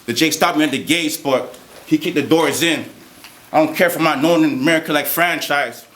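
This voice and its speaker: A man delivering a confrontational battle rap verse live, steady rhymes with the odd stumble and laugh. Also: on the high side, brisk. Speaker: battle rapper. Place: live battle rap event in a roomy venue. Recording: roomy live venue with crowd noise.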